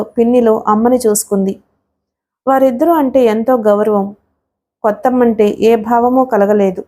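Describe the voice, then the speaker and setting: A woman reads a novel aloud as an audiobook narrator. Her voice sits a little high but has a dark, mellow tone. She keeps a steady storytelling pace and voices the characters' lines in her own voice.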